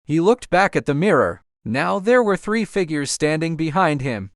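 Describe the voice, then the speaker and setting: Animated man narrating dark horror. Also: fairly high pitch, normal speed, dry recording, clean studio sound. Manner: suspenseful, theatrical delivery.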